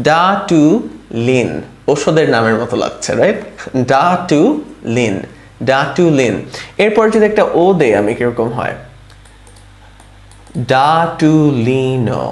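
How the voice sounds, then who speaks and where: Male phonics teacher, mid-pitched, patient, spells out syllables, echoey room. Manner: slow, sounds words out syllable by syllable, often asks "right?". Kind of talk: informal online lesson.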